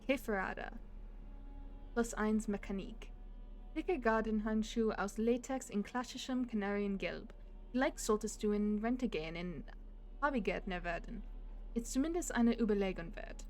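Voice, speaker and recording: A woman's voice: medium pitch, normal speed, darkish tone. Giggly woman playing a game. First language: German. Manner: giggly, chatty. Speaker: let's play host. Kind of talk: gaming let's play, reading dialogue aloud.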